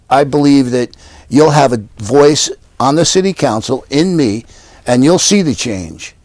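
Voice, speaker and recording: An older man from Yonkers, New York, who is running for council, answers interview questions at home in his living room, earnest and repetitive like a campaigner. He speaks with a somewhat high, slightly mellow voice, and there's no room sound.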